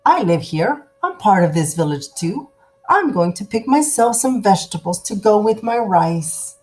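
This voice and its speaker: A woman's voice: medium pitch, sing-song, darkish tone, close to an everyday voice, poor audio. A woman voicing a lazy, grumpy, stubborn male spider in a children's story, with cranky, emphatic delivery. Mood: weary, whiny. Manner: cranky, emphatic, drawn-out refusals.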